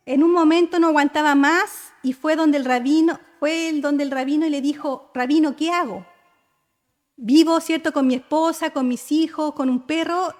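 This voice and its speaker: A woman's voice: high-pitched, long reverb tail. A woman pastor with a Chilean accent preaching a sermon, often checking in with "¿cierto?" while telling a story. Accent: Chilean Spanish. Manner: frequent rhetorical "¿cierto?" tags, storytelling. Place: church hall.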